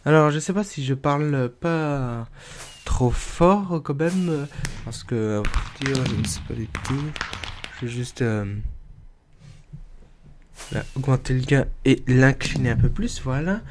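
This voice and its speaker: A man's voice: mid-range voice, animated, takes it slowly, noisy background. A young man casually reviewing a microphone, joking and rambling in a chatty way. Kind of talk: casual product review vlog.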